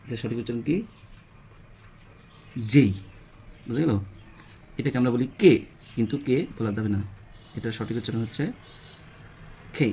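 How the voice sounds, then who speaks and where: A man's voice: mid-range voice, fairly even intonation, very fast, gravelly, warm tone, slightly rough. A man with a Bangladeshi Bengali accent, teaching a spoken English lesson and checking in with his class. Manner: repeats questions to the class, frequent "হ্যাঁ?" checks.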